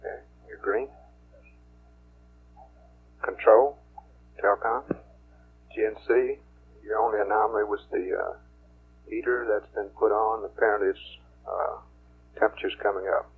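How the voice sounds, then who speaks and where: Male flight director, mission control radio, low even voice, brisk procedural delivery, muffled noisy loop with hum. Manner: brisk, businesslike. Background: hiss and hum.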